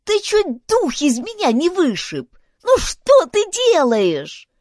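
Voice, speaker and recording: A woman doing a high, haughty, indignant girl. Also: huge pitch swings, moderate pace, a little mellow, dry recording, clean studio sound.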